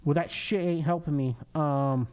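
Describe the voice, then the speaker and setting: Man, slightly high voice, live coding host talking to himself, irritated and cursing at buggy code. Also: steady tone, unhurried, a little mellow, clean tone, poor audio. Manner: frustrated, swearing, muttering to himself. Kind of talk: live coding stream, thinking aloud.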